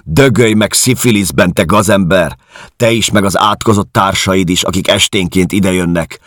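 A man's voice: low-pitched, expressive, no echo, clean studio sound, pitched above the performer's own voice. A male audiobook reader voicing a bitter, furious interned woman who hurls scornful curses. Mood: furious shouting. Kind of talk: audiobook character reading.

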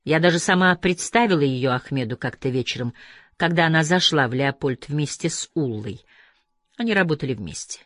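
A man voicing a guarded young woman who tells her past in a flat, even way, in an audiobook. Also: a little high, a little fast, no echo, studio quality.

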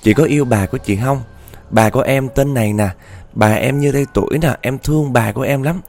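A man's voice: mid-range voice, fairly quick, a little mellow, pitched above the performer's own voice, close to an everyday voice. Man voicing an eerie ghost girl. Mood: innocent.

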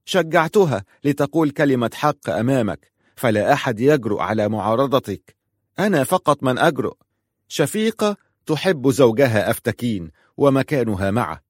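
A man's voice: medium pitch, moderate pace, no room sound, clean studio sound, lightly acted. A man reading a storybook, voicing a defiant young woman who answers firmly and steadily. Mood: firm defiance. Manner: firm and steady.

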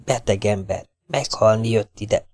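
A man reading the lines of a quiet, menacing young outlaw in an audiobook, keeping his voice hushed and low. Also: no room sound, studio quality, lightly acted. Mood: threatening.

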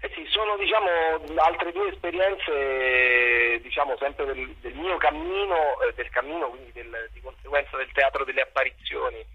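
In this low-fidelity clip with the highs cut off, a middle-aged theatre director speaks as an interview guest in a breathy mid-range voice. His pace is moderate with few pauses, yet he comes across as hesitant and reflective, circling back over words while hunting for what to say.

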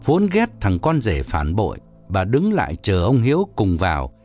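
Brief: male audiobook narrator, lively rising-and-falling delivery, faint music underneath. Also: on the low side, moderate pace. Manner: expressive storytelling. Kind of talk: scripted narration.

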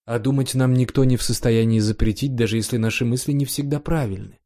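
Guy reading as a stern old politician, dry and blunt, dark voice. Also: medium pitch, fairly even intonation, quick pace, close to an everyday voice. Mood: dismissive.

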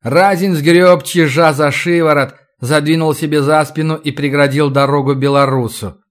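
A man reading an audiobook with steady scripted narration. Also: fairly high pitch, normal speed.

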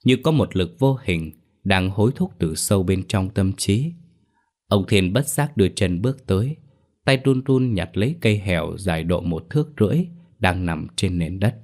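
A man reading a horror story aloud as a storyteller, in a measured, slow manner. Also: low voice, darkish tone. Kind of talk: scripted horror story narration.

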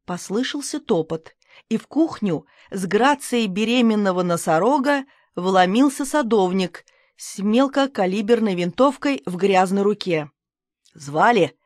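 A woman's voice: mid-range voice, animated, unhurried, darkish tone, no echo. A woman narrating an audiobook of a comic novel in a dry, wry tone. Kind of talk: reading a comic novel aloud.

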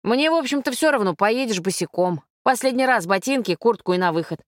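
A woman's voice: a little high, animated, brisk, no echo, close to an everyday voice. A woman voicing a tough male police detective who gives curt, mocking orders, recorded dry and close.

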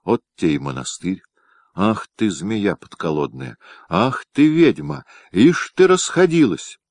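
A man performs a suspicious nobleman husband with a deep, heavy voice, preaching and scolding in a pompous tone. The reading is close and dry, with sudden barked shouts of temper. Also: expressive, measured pace, no room sound. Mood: flustered, barking.

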